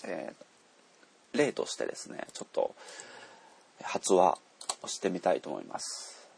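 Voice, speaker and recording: A man teaching pronunciation to learners, unhurried, with many drawn-out fillers. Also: low-pitched, big pitch swings, creaky, darkish tone, breathy edge. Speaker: Korean language teacher.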